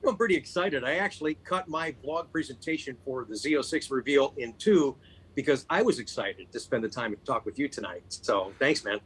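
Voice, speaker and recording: A man speaking as a car-dealer guest, talking in excited, quick bursts. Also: mid-range voice, slight background noise, rough recording. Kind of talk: casual interview talk.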